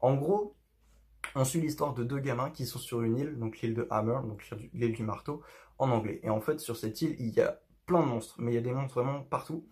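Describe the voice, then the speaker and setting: A young man chatting casually to his viewers from his bedroom. He rambles, trailing off and restarting with plenty of fillers, at an ordinary middle pitch. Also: a little fast, darkish tone. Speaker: youtuber. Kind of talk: casual chat to camera.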